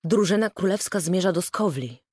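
A woman reading a frightened mother, desperate and hurried as she calls to her daughter. The voice is lively, and the recording is dry and close. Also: fairly low pitch, breathy edge, no echo. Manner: desperate, urgent.

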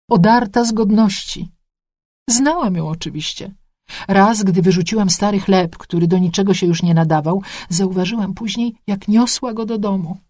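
Lively low-voiced woman narrator. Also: husky, dry recording, studio quality. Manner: lively, expressive reading. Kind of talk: first-person story narration.

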